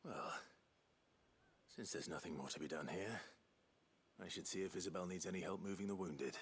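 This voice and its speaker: An actor playing an earnest, helpful warrior hero in a video game, courteous and understated. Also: male voice, sits low, normal speed, slightly rough.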